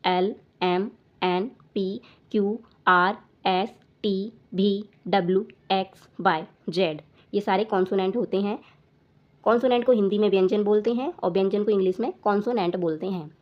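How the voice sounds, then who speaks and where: A woman's voice: mid-range voice, dull audio. Patient woman teacher, repeating for children. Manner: addresses children, repeats points slowly. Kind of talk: classroom grammar lesson.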